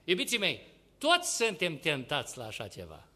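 A male preacher with a high, very bright and piercing voice delivers a sermon. He swings between loud, urgent exhortation and quiet, hushed asides. He keeps putting rhetorical questions to the congregation. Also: huge pitch swings, breathy edge.

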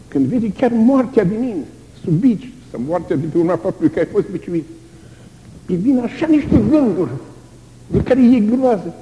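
An older man preaching a sermon, dramatic and lively, sometimes crying out the screams of the tortured. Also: fairly high pitch, highs cut off, a little hiss or hum. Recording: long hall reverb.

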